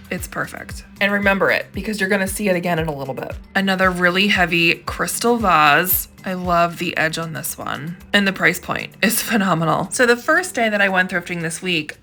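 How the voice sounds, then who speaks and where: A woman's voice: lowish voice, bright, forceful tone. A woman host narrating a casual thrifting vlog, gushing with enthusiasm over each find.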